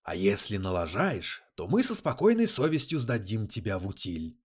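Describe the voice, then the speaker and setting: A man's voice: fairly low pitch, sing-song, moderate pace, breathy edge. A man doing a brash, mocking detective. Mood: cocky. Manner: crude slang, sarcastic, loud.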